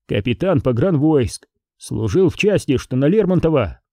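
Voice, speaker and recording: A man voicing a stern male army officer who gives firm, measured commands. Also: a little high, animated, warm tone, no echo, clean studio sound. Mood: commanding.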